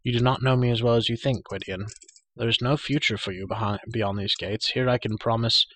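A man voicing a proud, cruel sorceress queen in an audiobook reading, silky and coaxing, turning shrill when enraged. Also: steady tone, a little fast, fairly bright tone, dry recording, lightly acted. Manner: silky, then shrill and raging.

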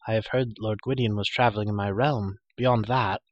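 A man voicing a proud, cruel sorceress queen in an audiobook reading, silky and coaxing, turning shrill when enraged. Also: steady tone, moderate pace, dry recording, lo-fi sound, natural voice. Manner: silky, then shrill and raging.

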